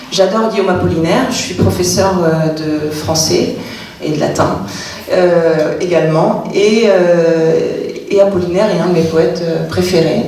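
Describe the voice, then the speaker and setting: A woman author with a fairly low, dark-toned voice stumbles through a public literary talk, restarting often and leaning on fillers. The recording comes from a distance in an echoey cultural centre hall, with slight background noise.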